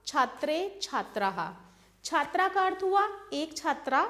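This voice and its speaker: A woman teaching a grammar lesson, reciting word forms one after another in a slow, rhythmic way. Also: sits high, fairly bright tone.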